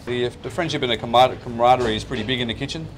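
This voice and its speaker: A man's voice: mid-range voice, racing. A male head chef talking informally about kitchen work, blunt and matey. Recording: noisy kitchen background.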